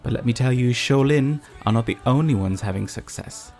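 With music in the background, a male host delivers scripted documentary narration, explaining topics and speaking straight to the listener. His voice is mid-range and brisk.

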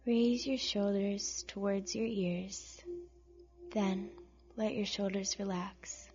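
Slow, soft near-whispering woman guiding relaxation. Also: mid-range voice, little pitch movement, dull audio. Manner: slow, soothing, gentle instructions with pauses. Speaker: guided relaxation narrator. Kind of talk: scripted guided relaxation meditation. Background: soft music.

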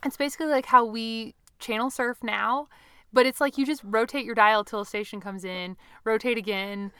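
Bright, clear-voiced woman co-hosting a podcast. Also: on the high side, moderate pace, no echo, studio quality. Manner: animated, playful teasing. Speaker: podcast co-host. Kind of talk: casual chat. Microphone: studio microphone.

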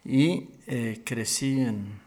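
This older man from Colombia, sixties or above, speaks as a pastor being interviewed, recounting his story. His voice is medium-pitched with a darkish tone, and he talks deliberately and steadily, pausing often.

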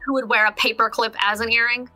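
A woman's voice: on the high side, little pitch movement, quick pace, sharp tone, faint music behind. A woman playing in a tabletop game, riffing playfully on ideas. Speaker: player.

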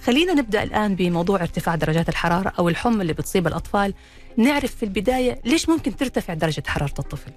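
A woman's voice: mid-range voice, lively intonation, racing, soft background music. A woman presenting as a public radio host, articulate and structured, addressing listeners directly. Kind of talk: public radio host presenting a live medical call-in show.

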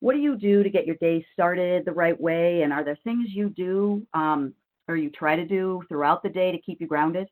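A podcast host in a relaxed, encouraging tone, asking a guest questions. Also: mid-range voice, moderate pace, low-quality recording. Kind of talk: casual interview conversation.

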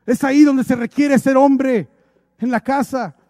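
A man's voice: very high voice, fairly even intonation, measured pace, mellow, no room sound, studio quality. A male preacher delivering an emphatic, exhorting sermon, lightened with humorous acted asides.

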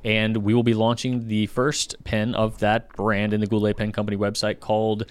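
A man co-hosting a casual podcast chat, getting animated and jumping up in pitch when excited. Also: moderate pace, clean tone, no echo. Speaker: podcast co-host.

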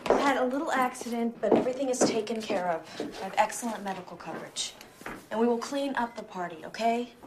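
An actress playing a young woman who calmly smooths over a disaster in a film scene, speaking in a soothing, managing tone. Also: on the high side, quick pace, noisy background, natural voice. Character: young woman bluffing calmly through chaos. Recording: film soundtrack with music underneath.

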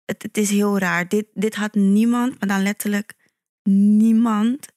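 A woman guest on a podcast, calm and measured as she tells her story, often answering with a quick yes. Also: mid-range voice, no room sound, clean studio sound. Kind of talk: conversational podcast interview.

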